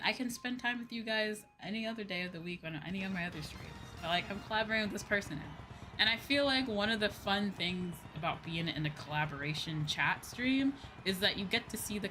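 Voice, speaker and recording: Her voice sits on the low side and carries a sharp tone. She's a livestreamer and VTuber host gaming on stream, chatting in a rambling, informal way with frequent asides and plenty of swearing, while music plays underneath.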